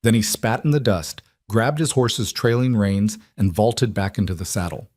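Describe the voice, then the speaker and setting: A man with a lowish voice narrates a frontier tale in a measured, even style. The sound is close and dry, with no room echo at all. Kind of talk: scripted narration.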